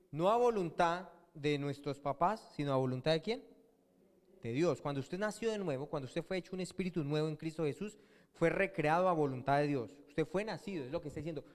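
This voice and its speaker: A man preaching a sermon as pastor, often asking his congregation questions and answering them himself. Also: on the high side. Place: church hall. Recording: long church-hall reverb.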